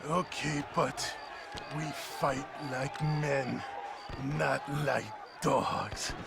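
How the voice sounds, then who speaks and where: A man's voice: mid-range voice, very slow, gravelly, over a noisy crowd, heavy background noise, exaggerated voice. A man playing a menacing, swaggering Mexican gunman in a video game, with a Mexican accent. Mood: grim challenge. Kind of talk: video game cutscene acting.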